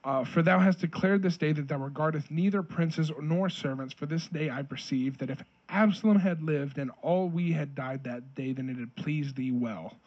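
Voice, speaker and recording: Husky man reading scripture on a podcast. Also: a little high, normal speed, hardly any pauses, dull audio. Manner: reads King James verses aloud, then paraphrases them jokingly. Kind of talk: casual Bible reading and discussion.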